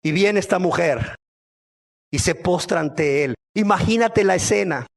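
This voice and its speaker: A man preaching a sermon dramatically, asking rhetorical questions and swinging from soft to shouting. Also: sits high, lively intonation, a little slow, gravelly.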